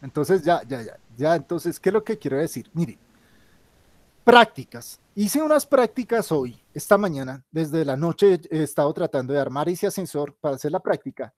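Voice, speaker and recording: A man's voice: a little high, expressive, moderate pace, few pauses, darkish tone, dry recording. A tired male teacher giving an online class, thinking aloud and correcting himself as he works through the board. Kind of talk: online class with a shared whiteboard.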